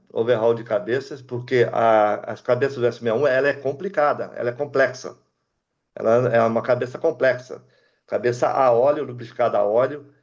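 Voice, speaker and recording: A man's voice: mid-range voice, lo-fi sound. An older man from Brazil, an aircraft mechanic guest, telling stories in casual chat and acting out the dialogue. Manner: animated, acts out dialogue in the story. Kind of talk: casual storytelling.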